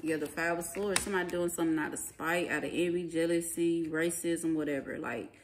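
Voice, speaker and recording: A woman reads tarot in a lowish, steady, brisk voice, her talk slangy, crude and emphatic. It's a noisy home recording from a small living room table, with the click of cards audible.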